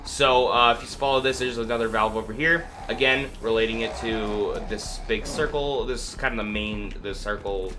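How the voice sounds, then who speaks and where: With music playing in the background, a gaming video host speaks in a lowish voice at a moderate pace with few pauses. A cold leaves him congested and sniffling as he rambles hesitantly through a casual walkthrough, leaning heavily on fillers, and background noise is clearly heard.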